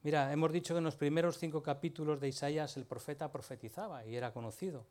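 A man's voice: fairly high pitch, fast, a little mellow. A man preaching a sermon, talking to the congregation in a conversational way and often asking them rhetorical questions.

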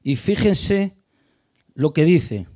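A man preaching a sermon, emphatic, stressing key words loudly before dropping quiet, often repeating words as he restarts. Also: fairly high pitch, lively intonation, very slow. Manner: emphatic, builds to loud stressed peaks then drops quiet. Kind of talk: sermon on a Bible passage.

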